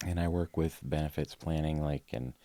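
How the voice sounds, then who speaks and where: A man in his forties, a podcast guest, chatting in a relaxed, rambling way with many fillers and restarts. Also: extremely low pitch, normal speed, no room sound. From Ohio. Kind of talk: casual conversation.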